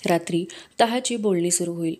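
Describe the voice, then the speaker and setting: A woman reading aloud, voicing a smooth, persuasive male nobleman who speaks in a coaxing way. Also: fairly low pitch, normal speed, darkish tone, lightly acted. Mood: soothing.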